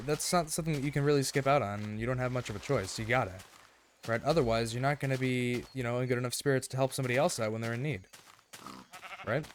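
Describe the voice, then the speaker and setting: This medium-pitched gaming host has a somewhat raspy, rough throat and talks through the gameplay in an earnest, rambling, casual way, checking in often. A little hiss or hum sits under the recording.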